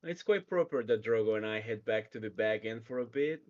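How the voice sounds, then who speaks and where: A man voicing a prim, level-headed young female hobbit who speaks in a proper, measured way. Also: on the low side, lively intonation, phone-quality sound, close to an everyday voice.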